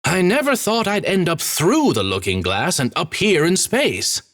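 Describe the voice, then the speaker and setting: A man doing an eager, bright-voiced priest. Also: high-pitched, sing-song, unhurried, voice pushed up, full character voice. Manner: eager, exclaiming, encouraging. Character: middle-aged priest-astronomer, eager and earnest.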